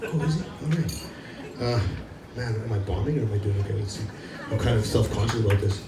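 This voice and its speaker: A man's voice: lowish voice, fast talker, far from the mic, heavy background noise. A man doing a loose, self-mocking stand-up set on a club stage, rambling and laughing at his own jokes. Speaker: stand-up comedian. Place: comedy club stage before a live crowd. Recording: roomy club audio from afar, crowd laughter.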